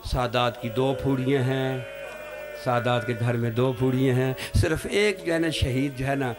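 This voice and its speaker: Man, cleric, mourning sermon, impassioned, sweeping pitch. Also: fairly even intonation, over music. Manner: impassioned, swinging sharply in pitch and loudness, rhetorical "hain?" tags. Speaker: Shia cleric leading a Muharram majlis. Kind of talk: emotional mourning sermon with storytelling.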